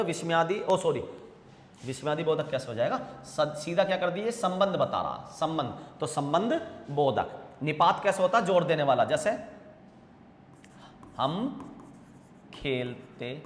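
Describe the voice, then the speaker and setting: A man teaching Hindi grammar for exam prep, repeating answers slowly and calling students bhaiya and beta. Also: high-pitched, fairly bright tone, slight background noise. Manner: drawn-out repetition of answers; calls students 'bhaiya' and 'beta'. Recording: echoey room with long reverb.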